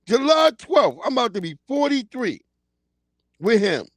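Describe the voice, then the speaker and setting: This forties-aged man runs a casual commentary livestream, venting bluntly in slang about today's news through a streaming mic. His pitch is extremely high and sing-song, the delivery a little slow and a bit bright, captured at studio quality with no echo.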